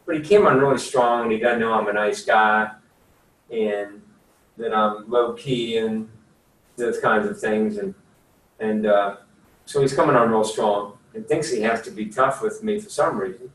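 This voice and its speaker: Here the older lawyer's voice sits fairly low and unhurried as he meanders through a casual career talk, folksy and full of fillers. Recorded at a distance in an echoey career services office room, with a slight hiss.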